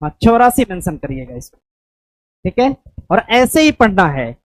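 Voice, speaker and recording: A woman's voice: medium pitch, very animated, moderate pace, dry recording, low-quality recording. Woman teacher quizzing a class. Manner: quizzing students, frequent check-ins. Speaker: exam coaching teacher. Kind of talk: classroom quiz review.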